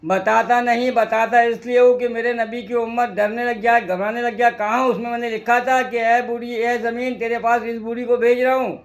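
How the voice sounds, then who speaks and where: A stern commanding ruler, as a preacher quotes him. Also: male voice, extremely high pitch, little pitch movement, moderate pace, hardly any pauses. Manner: commanding, firm. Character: stern revered male ruler.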